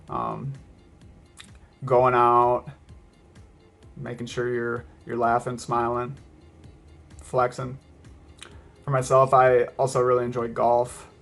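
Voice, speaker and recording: A man talking casually as a running vlogger, reflective and hesitant, often pausing mid-thought. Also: mid-range voice, creaky. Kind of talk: casual vlog talk to camera.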